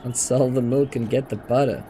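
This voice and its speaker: A man livestreams a game, chatting casually with his viewers and calling them bro and dude in a laid-back way. His mellow, mid-range voice has fairly even intonation at a normal speed. Game music plays behind him, with a little hiss or hum.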